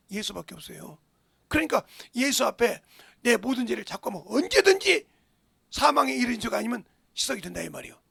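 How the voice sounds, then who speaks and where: A man's voice: extremely high pitch, vocal fry, a bit bright, breathy edge, dry recording, studio quality. A male pastor preaching a sermon with emphasis. He fires rhetorical questions and often drops into a whisper.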